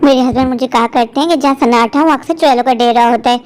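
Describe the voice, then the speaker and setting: A woman's voice: sits high, fast, a little mellow, close to an everyday voice. A woman voicing a strict, impatient office woman in a cartoon, scolding and lecturing. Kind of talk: cartoon voice acting.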